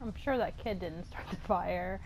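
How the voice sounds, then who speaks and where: A woman's voice: on the low side, moderate pace, darkish tone, slight background noise. A woman doing casual gameplay commentary and reading game notices aloud. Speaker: let's play gamer.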